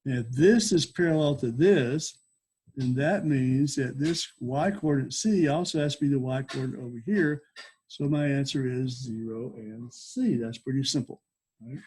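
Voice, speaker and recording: A man's voice: mid-range voice, moderate pace, darkish tone, breathy edge. A man teaching a recorded lesson in an informal, explanatory way, often checking in with short tags like okay and all right. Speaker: geometry teacher.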